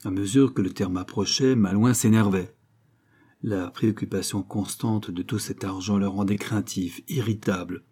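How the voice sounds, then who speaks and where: A man narrating a short story in a measured storytelling manner as an audiobook reader. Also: lowish voice, steady tone, dark tone, breathy edge.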